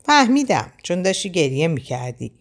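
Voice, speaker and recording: Woman doing a calm young guy who cares a lot, soft and reassuring, her voice sits low but swings around a lot. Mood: knowing. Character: young man, gentle, calm and devoted.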